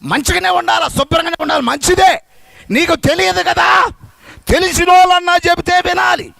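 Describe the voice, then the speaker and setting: High-pitched gravelly preacher man. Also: moderate pace, no room sound. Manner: animated, swings from soft asides to loud calls; calls for the congregation to give praise. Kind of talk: sermon with storytelling.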